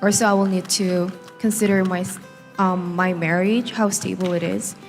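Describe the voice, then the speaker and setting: A young woman from Korea, a native Korean speaker, answering as a student in a thoughtful, soft-spoken way. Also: on the low side, steady tone, normal speed. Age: young adult. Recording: reverberant lecture hall with background music.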